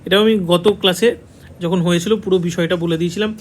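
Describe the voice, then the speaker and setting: High-voiced Bengali man teaching a lesson. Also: fairly even intonation, fast talker, a little hiss or hum. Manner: repeats key answers, checks in with "ঠিক আছে". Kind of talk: online exam-prep lesson. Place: classroom with a board.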